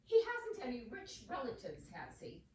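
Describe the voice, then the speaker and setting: A woman's voice: high voice, huge pitch swings, moderate pace, a little mellow. A woman playing an imperious, wealthy old great-aunt in a period drama, scolding and commanding like a scornful tycoon. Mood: scornful, pressing. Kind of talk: stage-style period drama dialogue. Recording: very echoey, distant, clearly noisy room recording.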